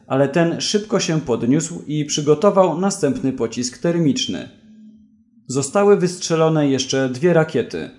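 Male audiobook narrator, slow, lively intonation. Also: a little high.

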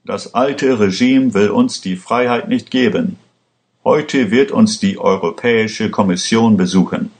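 Man reads defiant rebel orator, audiobook, low-pitched, slow. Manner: declamatory, defiant. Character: defiant male rebel leader giving speeches.

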